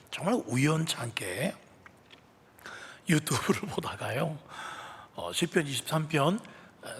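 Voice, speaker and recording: A man's voice: mid-range voice, creaky, fairly bright tone, husky. A man preaching a sermon as pastor, talking in a conversational way and leading the congregation in call-and-response. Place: church sanctuary. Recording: reverberant church hall.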